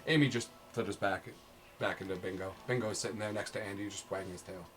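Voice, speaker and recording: A man running a sci-fi tabletop game as game master, narrating scenes in a descriptive way with frequent "uh" and "um" pauses. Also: lowish voice, fairly even intonation, slight background noise.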